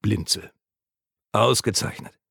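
A gentle, patient caretaker, voiced by a male narrator, soothing and a little too talkative. His voice is low and gravelly. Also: slow pace, no echo, studio quality, full character voice. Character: gentle, chatty man caring for a patient.

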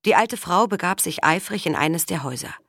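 A woman narrating an audiobook in a steady, measured reading. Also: on the low side, vocal fry, no echo, studio quality.

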